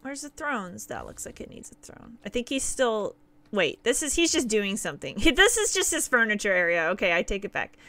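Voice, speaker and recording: Her voice is medium in pitch, very animated, brisk, bright and forceful. She's a Nova Scotian livestreamer in her thirties with a local accent, keeping up upbeat live gameplay chat with viewers and laughing frequently from a small indoor room.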